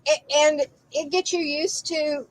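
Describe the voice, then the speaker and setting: A woman with a high-pitched, steady voice hosts a live quilt shop broadcast, taking things slowly. She chats casually and rambles, restarting sentences, in a rough recording with no echo.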